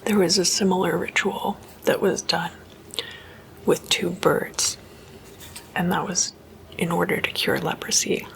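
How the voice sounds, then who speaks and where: Whispering an ASMR story for her spooky series, a woman explains things in a hushed, casual tone, very slow and fairly flat in melody. Her voice sits lowish with a gravelly creak, and the poor audio carries slight background noise.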